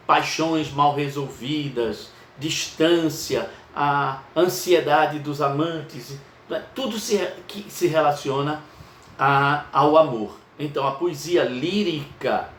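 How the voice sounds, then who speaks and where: A male teacher, giving a recorded lecture in an unhurried way, stretching key words and often asking "não é?". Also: medium pitch, fairly bright tone. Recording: echoey room with faint ambient noise.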